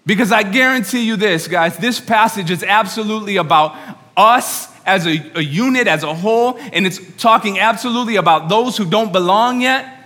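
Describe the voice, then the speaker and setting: A man preaching earnestly and excitedly to a congregation, often repeating and rephrasing himself. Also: high voice, normal speed. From New York. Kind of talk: sermon to a congregation. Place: large room, speaking to an audience. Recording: reverberant hall sound.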